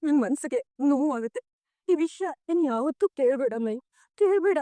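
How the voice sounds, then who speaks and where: Actress as a tender, guarded TV-serial mother, mid-life, warm, slightly high. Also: animated, brisk, no echo, lightly acted. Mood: tearful. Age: middle-aged. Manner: soft, pleading, tearful at times. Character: sorrowful middle-aged mother, guarded and tender. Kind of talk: TV serial acting.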